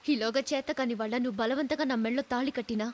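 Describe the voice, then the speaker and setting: A woman's voice: on the high side, rapid-fire, lightly acted. A woman playing a fierce, defiant young captive bride. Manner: firm, defiant, cutting. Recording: film soundtrack, reverberant, faint music.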